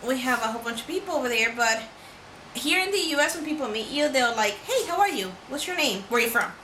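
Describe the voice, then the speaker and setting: High bright-voiced lady vlogging, giggly, echoey room. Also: quick pace, a little hiss or hum. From Venezuela. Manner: giggly, animated. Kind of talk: casual chat.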